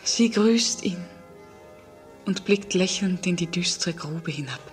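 Anxious young daughter. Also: female voice, lowish voice, slow. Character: earnest young daughter, gentle. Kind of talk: classic radio play acting. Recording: radio drama with faint music.

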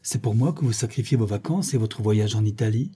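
A man's voice: lowish voice, fairly quick, warm tone, husky. A man reading the lines of a frightened, tender young Englishwoman in an audiobook, pleading and trembling. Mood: earnest.

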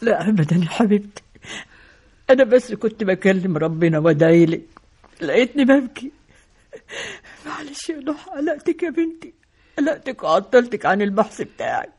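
An ailing Egyptian mother in a radio play. Her tearful voice is husky and dark-toned, tender and worried. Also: lowish voice, fast talker. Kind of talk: radio drama acting.

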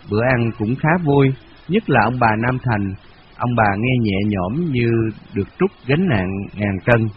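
A man reading a novel aloud in a steady, measured storytelling voice, on a dull lo-fi radio recording. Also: medium pitch, slight background noise. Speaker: narrator.

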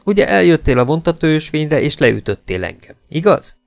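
A man voicing a calm, patient British army major questioning a prisoner. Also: fairly high pitch, creaky, faint music behind, pitched above the performer's own voice. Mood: stern.

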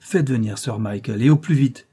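A defiant young noblewoman, desperate and wild, flinging out loud outbursts, as a male reader puts her on. The voice sits dark and mellow with a husky edge. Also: mid-range voice, normal speed, lightly acted. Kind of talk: audiobook reading.

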